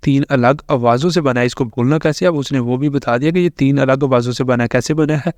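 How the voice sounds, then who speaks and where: Guy teaching english, slow and repetitive, lots of fillers, dead dry room. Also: medium pitch, a little mellow, no echo. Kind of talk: screen-recorded tutorial explanation.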